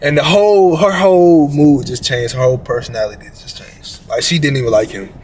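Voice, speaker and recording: This commentary co-host has a fairly high, slightly mellow voice and a brisk delivery, with a little noise in the background. He rambles through slangy stories on a casual reaction show, addressing his audience directly.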